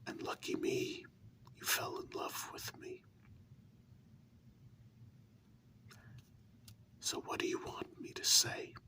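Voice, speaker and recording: This ASMR role-play features a whispering performer as a candid, tender human who loves a vampire, their delivery intimate, halting and reassuring, with a sharp tone.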